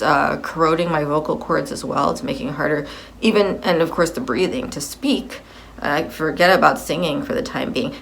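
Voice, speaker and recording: Low gravelly woman around fifty, rambling update, bit of hiss behind. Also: fairly bright tone. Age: 50s. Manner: rambling, repeats and corrects herself. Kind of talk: personal video update.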